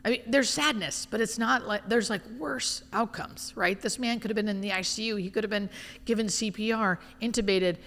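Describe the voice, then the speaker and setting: A woman's voice: medium pitch, fairly quick, long reverb tail. A woman speaking as a hospice nurse being interviewed, telling stories candidly and informally and often acting out bits of dialogue. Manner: informal, expressive, often quoting imagined dialogue. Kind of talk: candid conversational storytelling.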